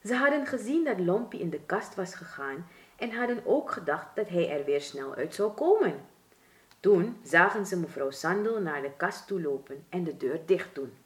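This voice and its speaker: A woman from Suriname with a Surinamese Dutch accent, reading a children's storybook aloud as storyteller in an expressive, deliberate way. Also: on the low side.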